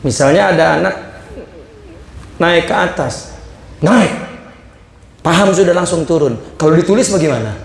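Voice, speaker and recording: A man's voice: fairly high pitch, animated, normal speed, creaky, pauses often, roomy sound, a little hiss or hum. A man with an Indonesian accent teaching a religious lesson, reading a phrase of the text and then explaining it in plain words.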